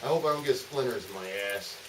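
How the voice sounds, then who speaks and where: A man's voice: medium pitch, fast talker. A man chatting casually for a vlog as host, joking and swearing coarsely, recorded outdoors in the rain. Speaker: vlogger, host. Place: outdoors in the rain, sheltered dry spot. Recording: hissy, steady rain noise outdoors. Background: rain falling.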